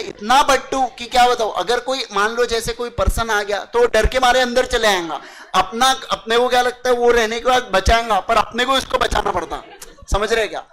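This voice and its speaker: A man's voice: extremely high pitch, fairly bright tone, rough recording. A young man giving a chatty lecture to students. He mixes in English terms and keeps checking that they understand. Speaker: teacher. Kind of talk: casual classroom lecture.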